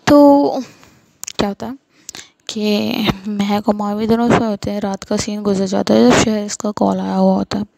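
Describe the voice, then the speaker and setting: Chatty young woman telling a story, gravelly. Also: mid-range voice, steady tone, moderate pace, mellow, slight background noise, low-quality recording. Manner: chatty, many fillers like "matlab". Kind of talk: casual story narration with quoted dialogue.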